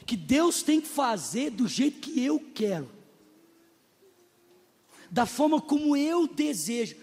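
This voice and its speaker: A male pastor with a Brazilian accent preaching a sermon, emphatic and joking, rising to shouts at high points. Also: sing-song, slow pace, breathy edge. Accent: Brazilian Portuguese. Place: church hall. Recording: long reverb in a large hall.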